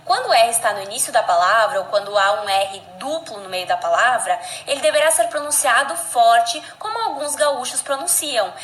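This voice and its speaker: A woman teacher giving a scripted language lesson, explaining clearly and speaking directly to the learner. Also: on the high side, lively intonation, moderate pace, hardly any pauses, fairly bright tone. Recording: echoey room.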